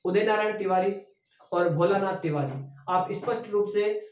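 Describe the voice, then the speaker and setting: A male teacher with a high voice delivers an exam-prep lecture at a moderate pace, repeating key words back to the class as questions. He sounds distant from the mic, and the recording is dull with a roomy echo.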